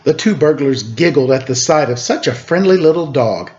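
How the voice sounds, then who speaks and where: Animated man reading stories, lively pitch. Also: moderate pace, lo-fi sound, slight background noise. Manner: animated, dramatic storytelling. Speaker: storyteller and show host. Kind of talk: expressive children's picture-book read-aloud with casual asides.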